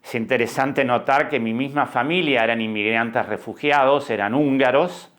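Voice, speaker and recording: A man in his sixties with an Argentine accent, hosting a podcast and telling his own story in a reflective way, with many pauses and hesitations. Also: mid-range voice, a bit bright. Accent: Argentine Spanish. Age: 60s. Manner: slow, reflective, with frequent hesitations. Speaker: podcast host and documentary director. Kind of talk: personal podcast monologue.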